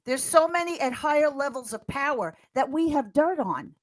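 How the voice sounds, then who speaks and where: An American woman giving animated political chat as a podcast guest, fiery and sarcastic, mocking others in squealing voices. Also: high voice, normal speed, poor audio. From United States. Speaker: podcast guest, social media commentator.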